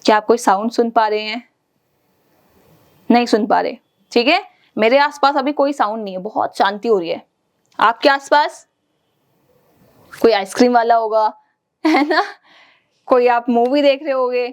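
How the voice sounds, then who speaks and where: A woman teacher, giving a lively online lesson to children. She talks straight to the kids and imitates everyday sounds for them. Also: fairly high pitch, measured pace, long pauses.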